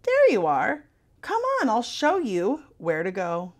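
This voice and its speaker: A woman's voice: wildly swooping pitch, slow. A woman voicing an effusive, bustling female school principal in a storybook. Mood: gushing. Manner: effusive, high-swooping.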